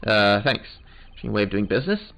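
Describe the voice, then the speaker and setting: A man's voice: fairly low pitch, big pitch swings, fast, creaky, fairly bright tone, heavily acted. A man voicing a flustered young male defense lawyer who stammers nervously.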